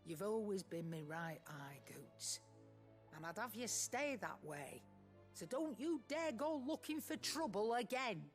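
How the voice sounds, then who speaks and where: Gruff old shopkeeper nan, blunt and shrewd, video game, some music under. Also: female voice, sits low, expressive, unhurried. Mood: gruff affection. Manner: blunt, folksy, no-nonsense. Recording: music behind the voice.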